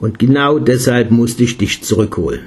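A man voicing a husky, calm old guru. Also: mid-range voice, normal speed, natural voice. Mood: explaining. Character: elderly Indian meditation guru, calm, caring.

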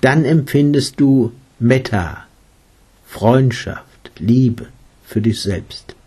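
A man voicing a gentle, patient male meditation teacher who explains his practice in a read-aloud story. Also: mid-range voice, extremely slow, breathy edge.

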